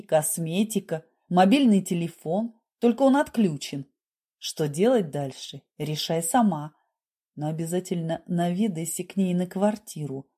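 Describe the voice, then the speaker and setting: Brief: woman putting on a sly, soft-spoken male doctor, low and mellow, storybook reading. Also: husky. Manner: coaxing, calmly persuasive. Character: man, smooth scheming clinic doctor.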